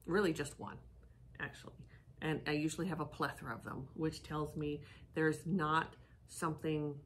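A woman's voice: deep voice, fairly even intonation, moderate pace, a little hiss or hum. A middle-aged woman giving casual commentary, thinking aloud and searching for her words. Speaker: psychic co-host of a reaction show. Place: living room with fireplace, indoors.

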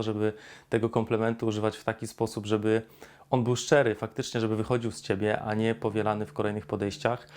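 A man giving dating advice straight to the viewer as a coach, in an instructive way, acting out sample lines. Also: fairly low pitch. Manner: instructive, addresses viewer directly, acts out pickup lines. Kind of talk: direct-to-camera advice talk.

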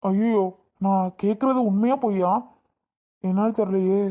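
A woman voices an eager young husband in a homemade family skit. The voice sits mid-pitch and presses the same questions over and over, pleading and insistent. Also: fairly even intonation, a little slow, warm tone, dull audio, close to an everyday voice. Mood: overjoyed. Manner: pleading, repeats himself insistently. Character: eager young husband, anxious then overjoyed. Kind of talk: Tamil family skit acting.

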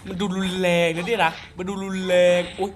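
A man reviewing a fighting game character, talking through the moves and exclaiming loudly at the flashy attacks. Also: high-pitched, fairly quick, noisy background. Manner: excitable, exclaims and gasps often. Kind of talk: excited gameplay commentary. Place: home beside a busy road.

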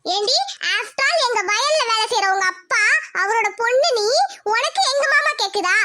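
A woman's voice: very high-pitched, pushed and bright, slight background noise. A woman voicing a scornful rich village girl. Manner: taunting, threatening, harsh. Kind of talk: cartoon voice acting.

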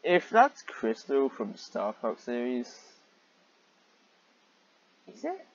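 This fan fiction reader, a man with a medium-pitched voice and huge pitch swings, goes slowly through the story with open mockery, often interrupting himself with exasperated tangents. The audio is dull, with no room sound.

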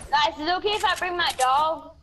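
A woman role-playing in a video game in a silly, drawn-out way, often breaking into song. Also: very high voice, fairly bright tone. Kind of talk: goofy game role-play chat.

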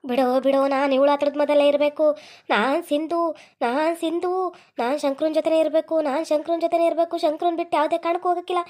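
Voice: flat delivery, quick pace, a little mellow, natural voice. A performer voicing a possessive female ghost in a cartoon, crying out to be let go. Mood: defiant pleading. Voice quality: shrill, pleading. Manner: repeats cries of protest, defiant then begging. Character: possessive female ghost clinging to her beloved.

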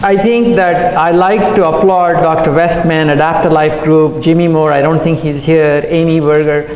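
A middle-aged man, a cardiologist, giving an earnest conference talk at a podium microphone, talking quickly with fillers and self-corrections. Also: fairly high pitch, steady tone, a little mellow. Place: large hotel conference room. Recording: echoey hall, recorded from afar.

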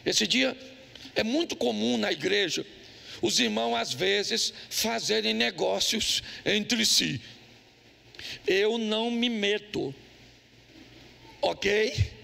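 A man's voice: sits high, takes it slowly, gravelly, long pauses, sharp tone. A man preaching a humorous sermon as pastor, quizzing the congregation with jokes. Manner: joking storyteller, quizzes the congregation. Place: church.

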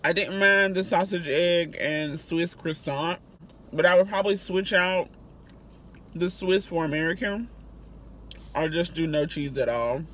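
A woman's voice: lowish voice, unhurried, fairly bright tone. A woman hosts a casual food review vlog and talks to her viewers in a chatty, friendly way. She records from inside a vehicle. A faint hum of road noise sits in the background. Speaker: food reviewer and channel host.

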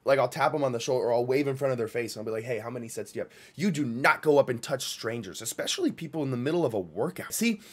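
Racing along with few pauses, the young reaction-video host delivers blunt, slangy, exasperated commentary in a casual tone. A nearby boom mic records his mid-range, breathy-edged voice and its lively intonation.

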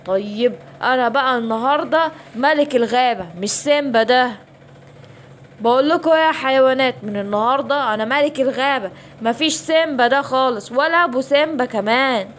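A woman's voice: high voice, fairly quick, a little hiss or hum, lightly acted. A woman with an Egyptian accent voicing a scheming male lion villain who boasts and bosses the animals around in a children's bedtime story. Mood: gloating. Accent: Egyptian Arabic. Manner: boastful, bossy.

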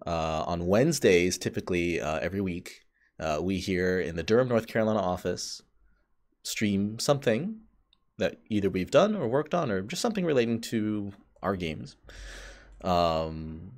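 A young man with a deep, low-pitched voice hosts a casual livestream. He chats in a laid-back, jokey way, with plenty of ums and uhs. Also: lively intonation, moderate pace. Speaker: stream host.

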